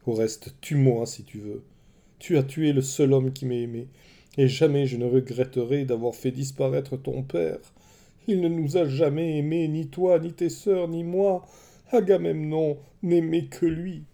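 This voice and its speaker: A man's voice: fairly high pitch, steady tone, a little slow, gravelly, mellow, voice pushed up. Man voicing a desperate proud queen. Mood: pleading. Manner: pleading and accusing, raised voice. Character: proud desperate queen, mother, middle-aged.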